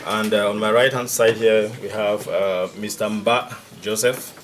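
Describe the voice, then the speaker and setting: A lower-voiced man heads a delegation and introduces each of its members in turn. He pauses often, filling the gaps with ums and uhs. A loud steady hiss runs under his voice. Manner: hesitant, with frequent ums and uhs. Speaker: delegation head. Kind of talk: formal self-introduction.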